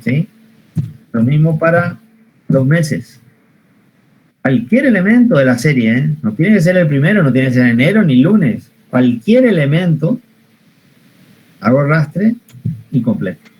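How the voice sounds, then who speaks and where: A man's voice: on the high side, sing-song, measured pace, long pauses, darkish tone, husky, low-quality recording. A man teaching an online spreadsheet class, patient, repeating each step and asking the class questions. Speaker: computer science teacher.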